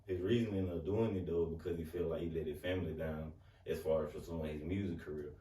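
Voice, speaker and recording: A man with a Southern accent from Alabama, a rapper guest telling his story slowly and calmly in a casual interview. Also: rumbling low, slight background noise. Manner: slow, laid-back storytelling. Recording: echoey room, mic at a distance, faint ambience.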